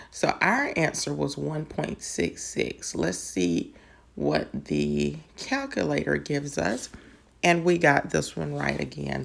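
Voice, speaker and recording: A woman's voice: sits low, vocal fry. A woman patiently explaining math step by step in an online lesson. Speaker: math teacher.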